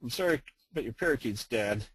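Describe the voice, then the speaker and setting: A man voicing a calm, matter-of-fact veterinarian in a told joke. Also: medium pitch, fairly quick, slightly rough, dry recording, pitched below the performer's own voice. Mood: deadpan. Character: calm, deadpan male veterinarian.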